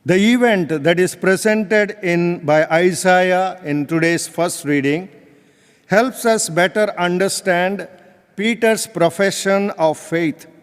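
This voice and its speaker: A man, a priest, reading the Gospel and preaching in a solemn, deliberate manner, his voice ringing with cathedral echo. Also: high-pitched, smooth. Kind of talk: liturgical Gospel reading and homily. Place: large church, live Mass. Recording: cathedral echo, long church reverb.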